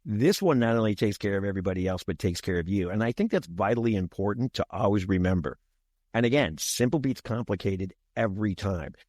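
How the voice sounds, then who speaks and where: This podcast co-host, a man in his 60s, is folksy and repetitive with an occasional chuckle as the casual discussion moves along. His lowish, slightly mellow voice is expressive and brisk, captured in clean studio sound with no room sound.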